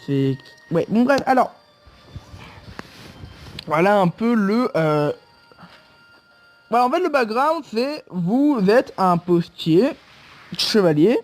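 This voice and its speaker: Rambling young man with a high voice. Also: very animated, slow, long pauses, faint music behind. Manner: rambling, self-mocking, joking. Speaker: YouTuber reviewing a mobile game. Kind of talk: casual game review vlog.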